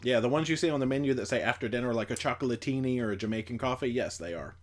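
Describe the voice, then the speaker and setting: An American man hosting a casual livestream, reading out viewer comments in an animated, joking way. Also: very fast. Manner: animated, playful, jumps in pitch when joking. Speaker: livestream host.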